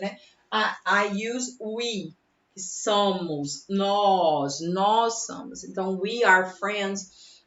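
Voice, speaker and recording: A woman's voice: mid-range voice, fairly bright tone. Lady teaching english, chatty, switches languages, echoey room. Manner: chatty, switches between Portuguese and English, laughs at herself. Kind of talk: bilingual grammar lesson. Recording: roomy, dull lo-fi sound.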